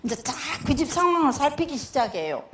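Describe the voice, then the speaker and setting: A woman's voice: high-pitched, very animated, a little fast, fairly bright tone. An older woman with a South Jeolla accent, a pastor's wife telling stories in a church testimony talk and acting out voices. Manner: chatty, storytelling, acts out voices.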